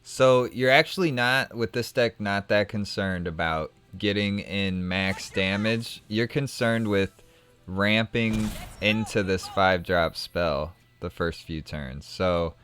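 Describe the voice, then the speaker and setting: Streaming a card game, a young man wanders through a casual story between plays, restarting and self-correcting frequently. He speaks slowly, with a fairly low pitch and a fairly bright tone.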